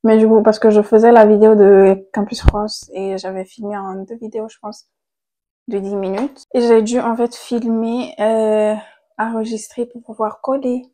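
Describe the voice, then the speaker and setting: A young woman vlogging casually into a handheld mic at home, chatty and quick to laugh, trailing off and restarting her thoughts. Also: a little high, flat delivery, dark tone. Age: young adult. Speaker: content creator. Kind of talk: casual vlog chat. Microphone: handheld microphone.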